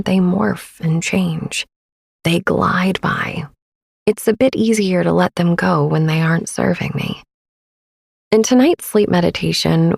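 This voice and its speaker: Soft and breathy, this podcast host in her thirties guides listeners through a sleep meditation at an unhurried, soothing pace. Her voice sits on the low side, captured at studio quality with no echo.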